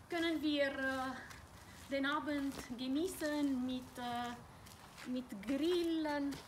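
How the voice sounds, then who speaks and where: A middle-aged school director, not a native German speaker, gives an improvised walking tour of a school playground at dusk, recorded outdoors on a noisy phone clip. Her voice is high, unhurried, and fairly bright. She is halting and hesitant, with many fillers, self-corrections, and giggles.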